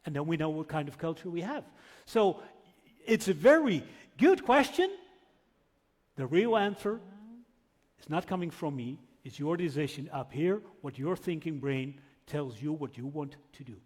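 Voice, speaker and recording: A man's voice: fairly high pitch, lively intonation, moderate pace. A man speaking at a conference, answering a question emphatically in short, separated phrases. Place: large indoor event hall. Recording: echoey hall with long reverb.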